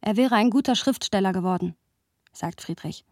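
An actress narrates a literary radio play as a thoughtful, playful young woman recounting her close male friend, in a sober, reflective mood. Her natural, medium-pitched, darkish voice moves at normal speed, recorded clean in a studio with no room sound. The scripted narration carries lively dialogue.

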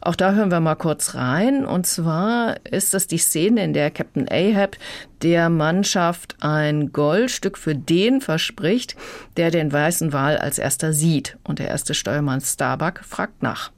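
Radio book critic, mid-pitched voice, thoughtful evaluative delivery. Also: unhurried.

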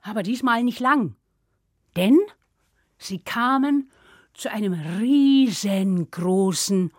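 A woman telling a fairy tale to children in a playful, lively way, acting out voices and sounds. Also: a little high, no room sound, studio quality. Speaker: storyteller.

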